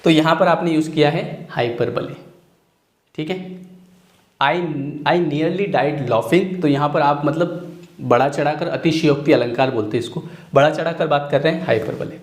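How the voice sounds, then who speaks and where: Young male teacher giving an exam-prep lecture with jokes and rhetorical questions, voice a touch high, echoey room. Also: normal speed. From Chhattisgarh, India. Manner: chatty, joking, asks students rhetorical questions. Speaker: English teacher.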